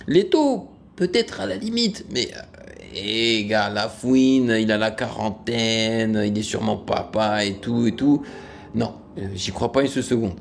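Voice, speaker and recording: A man's voice: on the low side, fairly even intonation, measured pace, creaky, a little hiss or hum. A man in his late thirties hosting a music reaction, talking casually and frankly with lots of fillers and restarts. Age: late 30s. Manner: frank, rambling, many fillers.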